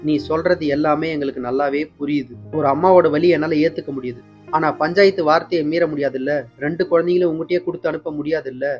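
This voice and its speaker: A man's voice: fairly high pitch, fairly even intonation, fast talker, muffled recording, soft background music, lightly acted. Man doing a reasoning village elder.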